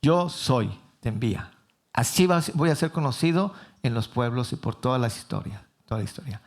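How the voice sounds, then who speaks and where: A man with a Mexican Spanish accent voicing God as a calm, commanding male figure, speaking slowly and measured. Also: mid-range voice, voice pushed down, natural voice. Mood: solemn. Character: solemn male God, calm then exasperated.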